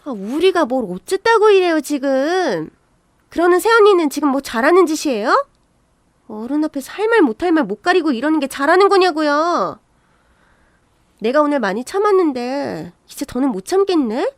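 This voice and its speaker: Woman doing a shrill, snippy young sister-in-law. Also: wildly swooping pitch, slow pace, no echo, studio quality, heavily acted. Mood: indignant. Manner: shrill, indignant, whiny.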